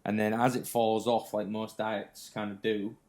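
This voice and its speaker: A man's voice: lowish voice, little pitch movement, moderate pace, a little mellow. A young man from the UK, chatting casually and laughing easily as a fitness vlogger. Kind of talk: casual chat.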